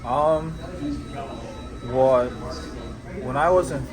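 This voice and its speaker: Young guy from japan talking about art, stops and restarts a lot, loud crowd noise behind him. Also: fairly high pitch, drawn-out words, poor audio. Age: 20s. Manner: hesitant, repeats words, many fillers. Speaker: artist being interviewed. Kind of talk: casual interview answers.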